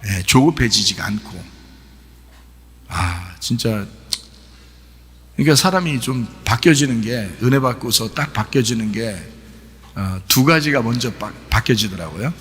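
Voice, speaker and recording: A middle-aged man preaching a sermon as pastor, talking in a relaxed conversational way with many fillers. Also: medium pitch, a little slow, pauses often. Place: church sanctuary. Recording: long church hall reverb.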